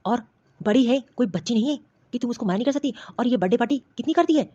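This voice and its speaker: A woman voicing a worried son and scolding husband in an animated story, talking quickly and insistently. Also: mid-range voice, breathy edge, muffled recording. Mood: concerned, scolding. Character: grown son and worried husband, office worker.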